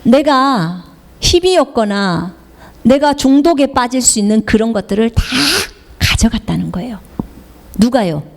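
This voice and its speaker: A woman's voice: a little high, darkish tone. A middle-aged woman missionary preaching a sermon, repeating key phrases emphatically and leading the congregation in call-and-response.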